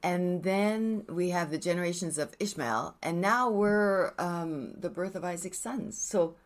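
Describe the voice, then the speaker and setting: A woman's voice: fairly low pitch, a little slow. A woman co-hosting a casual podcast, reading Bible verses and asking curious questions with light jokes. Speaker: podcast co-host.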